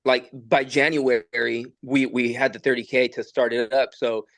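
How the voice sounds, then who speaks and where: A young Salvadoran musician and studio producer chats casually in a recording studio for a podcast, laid-back and rambling, full of fillers and restarts. His voice is medium-pitched and a bit bright, with flat delivery at a moderate pace, recorded dry.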